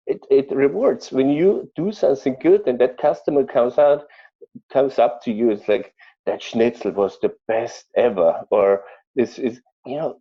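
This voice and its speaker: A man with an Austrian accent, a chef telling stories in an interview, speaking haltingly with many fillers and restarts. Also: mid-range voice, muffled recording. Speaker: chef guest. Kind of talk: conversational interview storytelling.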